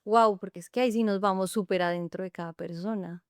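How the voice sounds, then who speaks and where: A woman's voice: medium pitch, fairly even intonation, a little fast, clean tone, no echo, clean studio sound. A woman hosting a podcast, asking questions in an engaged, enthusiastic way. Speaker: podcast host. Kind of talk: conversational interview.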